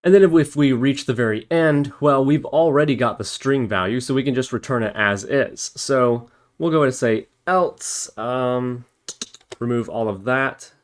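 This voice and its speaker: Speaking at normal speed in a medium-pitched voice, a man gives a relaxed programming tutorial one step at a time. He thinks out loud while typing and fixes his own slips, with keystrokes, clicking and background noise throughout.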